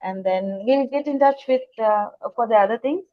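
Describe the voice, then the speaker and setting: A woman's voice: a little high, moderate pace, dry recording, muffled recording. A woman organizer thanking the trainer at the end of a workshop, speaking over a video call.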